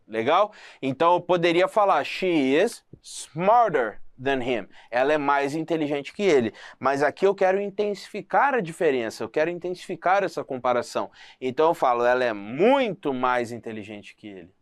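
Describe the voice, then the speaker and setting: Brazilian English teacher, dry close voice. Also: male voice, fairly high pitch, animated, no echo. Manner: slow, careful reading of English example sentences; checks in often with short questions to the student. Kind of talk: explaining English grammar.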